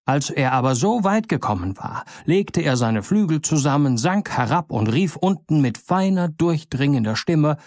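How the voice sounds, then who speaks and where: A man reading an old fairy tale aloud in measured, expressive storybook narration. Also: on the high side, no room sound, studio quality.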